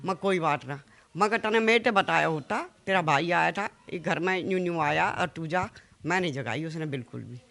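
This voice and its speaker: A woman's voice: sits low, gravelly, a bit bright. A woman with a Haryanvi accent, the mother of the man interviewed, pleadingly retelling a family fight in a local news interview. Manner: fast, pleading retelling with many quoted exchanges. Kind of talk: emotional interview account.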